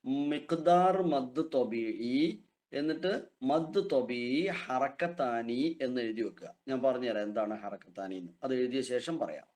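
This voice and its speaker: A man teaching an online Quran reading class, patiently repeating key terms slowly for his students. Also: medium pitch, a little mellow.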